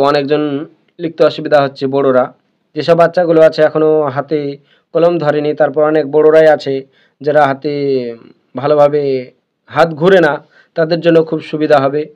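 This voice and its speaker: A man teaching a beginners' reading lesson, sounding words out slowly and repeating each one many times. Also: fairly high pitch, a little mellow, highs cut off. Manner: slow, repeats words over and over.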